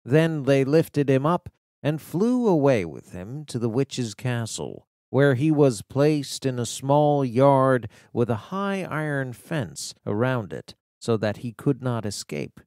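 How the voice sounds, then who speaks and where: A man's voice: medium pitch, dry recording, studio quality. A man reading a children's fantasy story aloud as an audiobook narrator. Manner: slow, animated storytelling. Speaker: audiobook reader.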